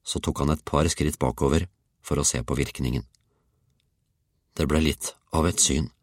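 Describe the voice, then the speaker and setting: A man reading a children's story aloud, with an expressive, playful delivery. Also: a bass voice, no room sound, studio quality. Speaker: audiobook reader. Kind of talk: storybook narration.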